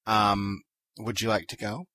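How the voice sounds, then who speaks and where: A man's voice: fairly low pitch, little pitch movement, measured pace, bright, forceful tone. A man co-hosting a comedy podcast, playful and giggly. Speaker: podcast co-host. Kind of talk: comedic casual chat.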